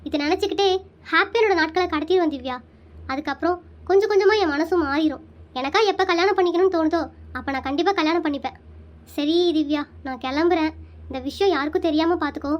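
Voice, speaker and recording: A young woman with a broken heart, voiced by a performer, in a comic cartoon. She talks softly and quietly in a very high voice. Her delivery is gentle and withdrawn. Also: fast talker, highs cut off. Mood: sad. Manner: soft, subdued.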